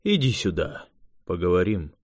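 A male reader puts on a gruff senior mage who grumbles his questions in a low, quiet voice. His speech is curt and displeased. The sound is close and dry, like a studio audiobook. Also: sing-song, moderate pace, dry recording.

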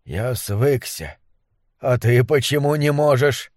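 Give me a man acting out a bitter, hoarse old monster scientist who talks slowly and mockingly. The voice is dark and mellow. It is recorded dry and close like an audiobook. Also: mid-range voice, expressive, no echo. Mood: weary. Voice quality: hoarse, wheezing.

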